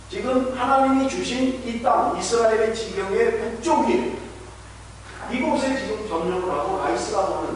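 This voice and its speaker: A male pastor preaching a sermon in a church sanctuary, animated and full of rhetorical questions to the congregation. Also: high voice, slight background noise. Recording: long church hall reverb.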